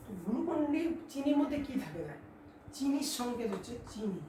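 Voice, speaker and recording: A woman teaching a class, asking questions and answering them herself, dictating points slowly for her students. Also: on the high side, very animated, noisy background. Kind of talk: classroom chemistry lesson. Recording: echoey room, mic at a distance.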